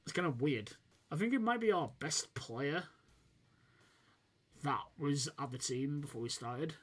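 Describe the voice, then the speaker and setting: This young UK gaming channel host has a fairly high, expressive voice and speaks a bit slowly. Still slightly sniffly from a fading cold, he casually commentates his football management game, thinking aloud and using many fillers.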